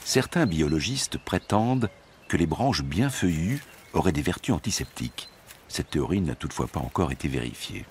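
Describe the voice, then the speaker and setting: A man narrating a nature documentary from a script, in a measured storytelling delivery. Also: low-pitched, animated, darkish tone, slight background noise.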